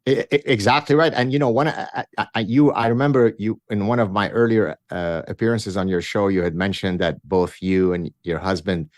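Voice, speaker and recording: Heard in studio-quality audio with no room sound, a man in his fifties from Lebanon, appearing as a guest author, shares childhood stories during an interview. His fairly low voice keeps an even intonation at a moderate pace with few pauses, though he is wry, self-mocking and restarts often.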